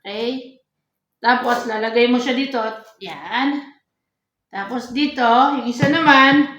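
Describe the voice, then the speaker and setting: A woman's voice: on the high side, slow pace, a bit bright, highs cut off. A woman vlogger chatting casually to her viewers as she walks through the details of a sneaker. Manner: chatty, addresses viewers often. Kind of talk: casual product walkthrough. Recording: echoey room.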